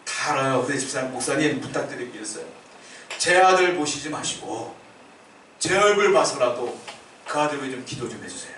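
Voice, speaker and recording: A man's voice: mid-range voice, lively intonation, a little fast, fairly bright tone, a little hiss or hum, close to an everyday voice. A male pastor voicing a devoted middle-aged deaconess who earnestly pleads for her son, heard in an echoey church hall from far off. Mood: pleading.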